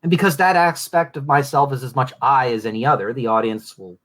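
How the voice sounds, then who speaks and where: Podcast host, man, mid-Atlantic accent drifting Southern, ornate wordy delivery, mid-range pitch. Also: fairly quick, a bit bright. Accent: mid-Atlantic, shifting toward Southern. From Southwest Florida. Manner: elaborate, formal, intricate phrasing. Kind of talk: reflective solo monologue.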